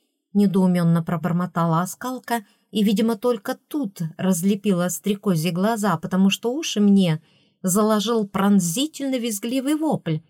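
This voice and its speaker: A woman's voice: medium pitch, normal speed, dry recording. Woman narrating a storybook, dry close sound. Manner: lively, expressive reading. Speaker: audiobook narrator. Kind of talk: first-person fantasy narration.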